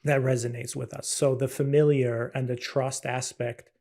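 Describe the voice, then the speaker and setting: A middle-aged man from Albania is a guest on a podcast. He speaks in a measured, hesitant way, filling pauses with "um". His pitch stays fairly flat at a middle level. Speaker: guest, company CEO. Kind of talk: conversational podcast interview.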